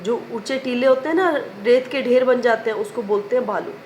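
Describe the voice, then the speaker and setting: A woman's voice: fairly high pitch, fairly quick, darkish tone, a little hiss or hum. A woman teacher reciting a children's poem in a sing-song way, asking questions and answering them herself. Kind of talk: primary school lesson recitation.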